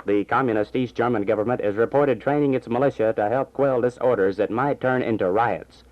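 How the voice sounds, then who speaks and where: A male radio newsreader and station announcer with a mid-pitched voice reads scripted bulletins in the formal, measured style of a 1960s announcer. He is in a radio station studio, and the recording is dull, lo-fi vintage AM.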